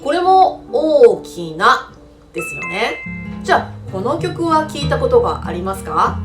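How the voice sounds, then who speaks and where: A woman's voice: high-pitched, sing-song, unhurried. A woman teaching a Japanese lesson, explaining patiently and asking the viewers questions. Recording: roomy echo with faint background music.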